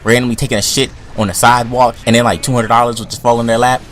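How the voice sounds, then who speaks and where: Young male vlogger, animated, heated rant with big swings in loudness, mid pitch. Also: rapid-fire, slight background noise. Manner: animated, heated, swings between loud outbursts and low mutters, filler-heavy. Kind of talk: profane comedic rant.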